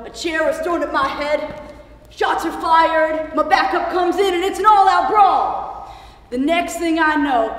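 A woman's voice: on the high side, lightly acted. Woman playing a crude, boastful Western marshal. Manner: crude, hot-tempered, slow drawling storyteller. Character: rowdy, boastful male Western deputy marshal. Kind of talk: live stage play acting. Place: theater stage. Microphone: distant stage mic. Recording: echoey theater hall from far off.

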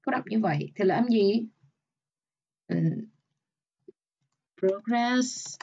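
A woman with a Vietnamese accent, teaching an English exam review lesson, explaining step by step and reading English examples slowly. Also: medium pitch, animated, mellow, breathy edge, lo-fi sound.

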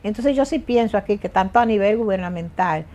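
Older woman talking with lively emphasis. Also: mid-range voice, brisk. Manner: lively, emphatic, frequent hesitations and repeats. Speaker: guest. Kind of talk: casual interview talk. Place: TV studio set.

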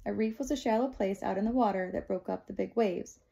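A woman reads a novel aloud in steady first-person narration. Her voice is dark and gravelly with a mellow tone. The pitch is in the middle range for a woman. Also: brisk. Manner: steady, plain storytelling. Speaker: audiobook reader.

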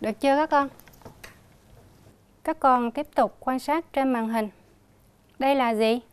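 Slow, clear woman teaching first graders. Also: high voice. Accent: Southern Vietnamese. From southern Vietnam. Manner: spells out sounds with emphatic, drawn-out repetition. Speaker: primary school teacher. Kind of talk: slow, clearly enunciated reading lesson for young children. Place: recorded for a TV lesson.

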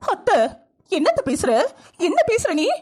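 Young cartoon daughter-in-law, pleading, reproachful, very high, swooping. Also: female voice, very animated, measured pace, a little mellow, heavily acted. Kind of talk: cartoon comedy voice acting.

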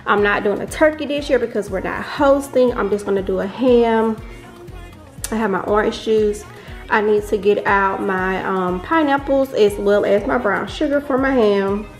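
A woman's voice: medium pitch, a little mellow. A woman vlogger talking through her home cooking in a chatty, enthusiastic way. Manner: chatty, enthusiastic about ingredients. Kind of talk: casual cooking walkthrough. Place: home kitchen.

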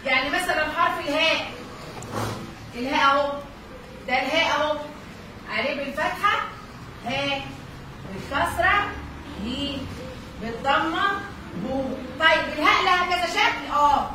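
High-voiced Egyptian woman teaching, echoey room. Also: moderate pace, pauses often. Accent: Egyptian Arabic. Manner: patient, repeats and checks understanding. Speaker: Arabic reading teacher. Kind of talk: online lesson for children. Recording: very echoey room, distant mic, noisy.

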